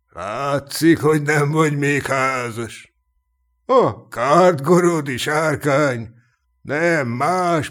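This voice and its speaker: A man voicing a cynical, sharp-tongued knight of peasant birth in a humorous fantasy audiobook, chuckling and mocking as he tells his tales. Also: medium pitch, natural voice. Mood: teasing. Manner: mocking, chuckling, earthy storyteller. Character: cynical boastful human knight, commoner-born, sharp-tongued. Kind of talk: audiobook character reading.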